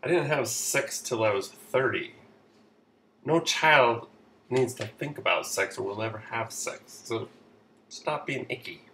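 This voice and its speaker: A man's voice: medium pitch, animated, measured pace, pushed and bright, far from the mic. A man giving sarcastic, mock-authoritative parenting advice in a comedy vlog. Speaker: comedy vlogger. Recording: roomy echo, off-mic, faint noise.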